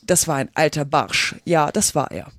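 A reader voicing a bossy, impatient griffin who talks loudly and bluntly in a storybook reading. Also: medium pitch, lively intonation, normal speed, no echo, studio quality. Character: gruff bossy griffin from a fairy tale. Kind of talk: reading a children's classic aloud.

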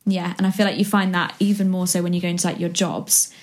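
A woman's voice: lowish voice, flat delivery, quick pace. Chatty woman from Yorkshire. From West Yorkshire, England. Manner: chatty, rambling with many ums and likes. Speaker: guest. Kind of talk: casual chat.

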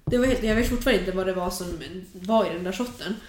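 A young adult woman telling a personal story in casual chat, animated and full of fillers. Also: medium pitch. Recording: roomy echo.

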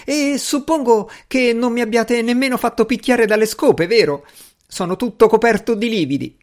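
A man voicing an indignant, bruised male asylum attendant in an audiobook, protesting in a shrill, aggrieved way. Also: normal speed. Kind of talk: audiobook character reading.

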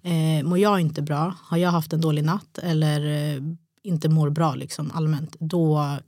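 Young woman, low voice, dry close mic; casual podcast co-host, animated storyteller. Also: no room sound. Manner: chatty, animated retelling. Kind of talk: casual chat.

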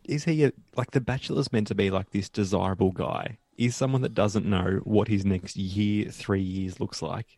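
A man's voice: fairly low pitch, moderate pace, creaky, few pauses, darkish tone, dry recording. A man co-hosting a podcast, chatting casually and laughing often as he recaps a reality show. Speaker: podcast co-host.

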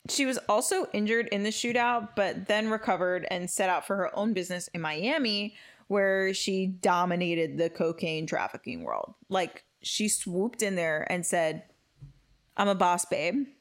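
Young woman podcast cohost, jokey and animated, telling a crime story casually. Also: medium pitch, moderate pace. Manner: joking, lively storytelling. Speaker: podcast co-host. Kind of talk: casual true-crime chat.

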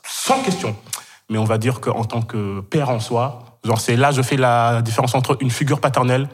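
A man's voice: medium pitch, steady tone, moderate pace. A man in his twenties, from Senegal and raised in Kenya, telling a personal story as a podcast guest. He talks hesitantly, with many fillers and repeated words, and laughs often. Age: 20s.

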